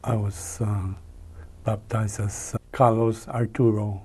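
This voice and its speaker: Man in his 90s, from Peru, halting recollection, low flat mellow voice. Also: husky. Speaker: interviewee. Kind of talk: oral history interview.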